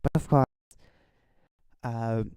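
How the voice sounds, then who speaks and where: Man, deeper dark-toned voice, very dry close sound, casual online commentator, halting, repetitive, unscripted. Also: steady tone, clean tone, dry recording. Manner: halting, repetitive, stumbling over words. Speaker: online commentary video host.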